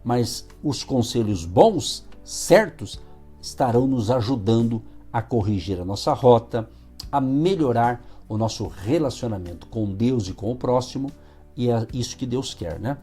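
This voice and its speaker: A man's voice: mid-range voice, moderate pace, warm tone, faint music behind. A man with a Brazilian Portuguese accent hosting a radio devotional, explaining Bible verses in a conversational way with frequent tag questions. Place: radio studio.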